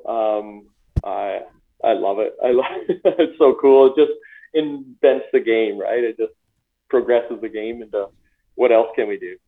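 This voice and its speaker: A man's voice: on the low side, a little slow. A man, a former hockey player and coach, telling stories in a casual interview, often laughing and repeating words. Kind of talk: casual interview over a call. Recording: tinny phone-line audio.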